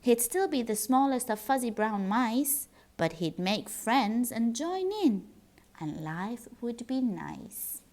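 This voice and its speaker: Expressive woman reading a picture book. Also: a little high, takes it slowly. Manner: expressive, sing-song rhyming delivery. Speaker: storyteller.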